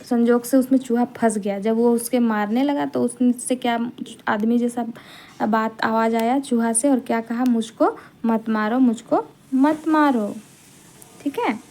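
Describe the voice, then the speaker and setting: A woman teacher retelling a folk tale for an exam-prep lesson, explaining slowly, asking questions and checking the students follow. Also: fairly high pitch, fairly even intonation, a little mellow.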